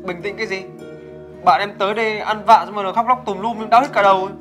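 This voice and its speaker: A man playing a young company chairman and older brother, talking in a gruff, blunt way. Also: high voice, steady tone, quick pace, music in the background, lightly acted. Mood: irritated. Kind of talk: web drama acting.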